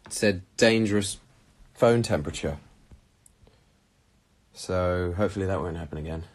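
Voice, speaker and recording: A young English man hosts a casual livestream from his phone, held at arm's length as he sits on a red sofa in a small room. He chats animatedly, answering viewer questions and reading their comments aloud. His voice is low-pitched and his pace moderate.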